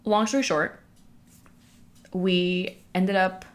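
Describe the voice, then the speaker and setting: A woman's voice: medium pitch, little pitch movement, slow. A young woman telling a personal story casually and candidly, breathing heavily and out of breath, with lots of "like" as filler. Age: young adult. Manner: chatty, filler-heavy with frequent "like". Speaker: vlogger speaking to followers.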